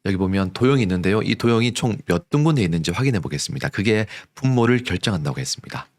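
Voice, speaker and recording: Male math teacher, lively, low-pitched voice, patient and slow with kids. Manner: patient, slow counting and repeating for children. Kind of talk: online elementary math lesson.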